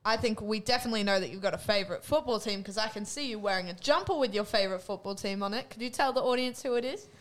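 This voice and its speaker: A woman's voice: medium pitch, fast, few pauses. A woman hosting a casual podcast interview, asking upbeat, encouraging questions. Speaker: podcast host interviewing guests.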